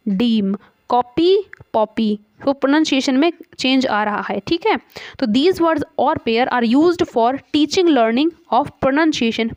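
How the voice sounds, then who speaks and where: A woman teacher coaching students for an exam. She explains each term step by step and reads English definitions out slowly. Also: high voice, dry recording.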